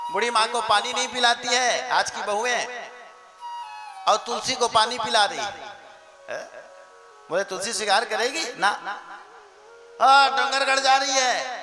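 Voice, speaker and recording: A high-voiced man delivers a devotional sermon at a village gathering. He tells stories in an animated way, chuckles often and calls out to the crowd for responses. Music plays clearly behind him. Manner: animated storytelling, chuckling, chanting verses. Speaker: Bhagavat katha preacher. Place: outdoor village religious gathering.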